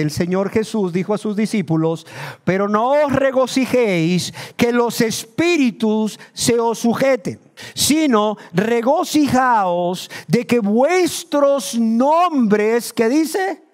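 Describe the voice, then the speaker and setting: A man born in Nicaragua preaching a sermon, asking his listeners questions and slowing down to stress the words of scripture. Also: extremely high pitch. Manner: asks the congregation rhetorical questions. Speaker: pastor.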